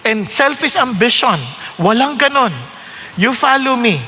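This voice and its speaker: A man with a Filipino accent preaching a sermon, telling a personal testimony in animated storytelling that mixes Tagalog and English. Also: very high-pitched, a little slow, a little hiss or hum.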